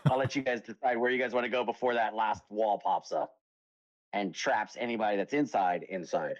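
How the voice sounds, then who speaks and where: A man's voice: fairly low pitch, brisk, lo-fi sound. A man narrating as game master in a tabletop game, rambling with lots of fillers and breaking into laughter easily.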